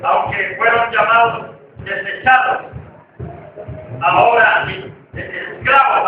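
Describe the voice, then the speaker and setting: A man with a high voice preaches fervently and often breaks into shouts. He sounds far from the mic, in a very echoey church with steady background noise. The lo-fi recording dulls his voice. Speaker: pastor. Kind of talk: sermon. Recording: distant echoey church hall, lo-fi, noisy.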